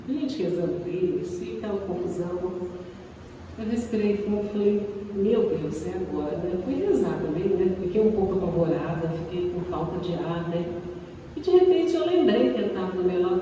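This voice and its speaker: A Brazilian woman telling a funny personal story in a casual, chatty way, often laughing and tagging lines with "né?". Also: medium pitch. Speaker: co-host of a spiritist live show. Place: live stream. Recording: echoey room, distant mic, background noise.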